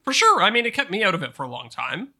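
A man's voice: high-pitched, big pitch swings, racing, sharp tone. A man from Canada co-hosting a podcast in casual chat, chatty and self-deprecating, laughing often. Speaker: podcast co-host.

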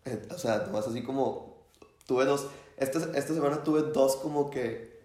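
A man's voice: mid-range voice, moderate pace, echoey room. A young man, a student, telling a story in casual chat and acting out the quotes. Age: young adult. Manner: animated storyteller, acts out shouts and quotes.

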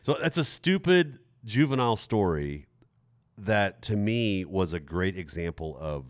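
A middle-aged man hosting a podcast, telling a self-deprecating story in an animated way. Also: deep voice, a little slow, dry recording, studio quality. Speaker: podcast host. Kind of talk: storytelling chat.

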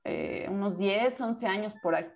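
A woman host, chatting casually and thoughtfully, pausing to find her words. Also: medium pitch, vocal fry, soft background music. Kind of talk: casual chat.

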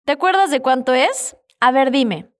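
A woman leading a Spanish lesson, prompting listeners to repeat phrases after her. She speaks clearly and patiently, encouraging learners along the way, in a fairly high voice. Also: lively intonation, moderate pace. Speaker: Spanish teacher. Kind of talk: language lesson with repetition drills.

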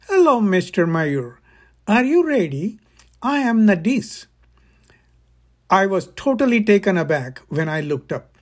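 Man narrating a travel podcast. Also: a little high. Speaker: podcast host.

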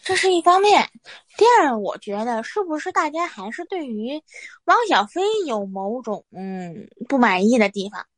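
Woman, podcast co-host, higher voice, animated, dry sound. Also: moderate pace, dry recording. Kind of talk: casual chat.

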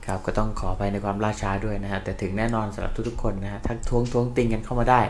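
A man's voice: fairly low pitch, flat delivery, a little hiss or hum. A man co-hosting a casual live-streamed talk show in Thai, chatting and reading out sponsor details. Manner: friendly, reads out sponsor details slowly. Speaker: co-host of a live podcast.

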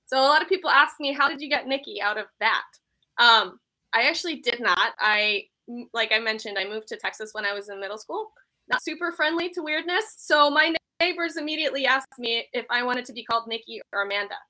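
A woman's voice: fairly high pitch, brisk, sharp tone, poor audio. A woman in her thirties from Iceland, chatting casually as a podcast guest in a chatty, self-deprecating way. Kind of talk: casual interview chat.

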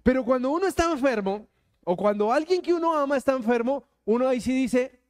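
A man's voice: very high-pitched, expressive, fairly quick. A man preaching a sermon to his congregation, colloquial and joking as he speaks to them directly. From Colombia. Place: church.

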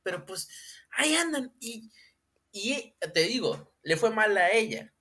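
A man's voice: high voice, measured pace. A man with a Mexican accent co-hosting a casual comedy chat, swearing and laughing often. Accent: Mexican Spanish. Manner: animated, profane, laughing often. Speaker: podcast co-host.

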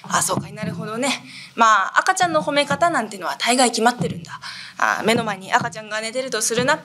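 A woman voicing a knowing, patient old retired man in a rakugo storytelling performance, calmly teaching. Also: on the high side, fast, a crowd in the background, lightly acted. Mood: instructive. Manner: calm instructive tone.

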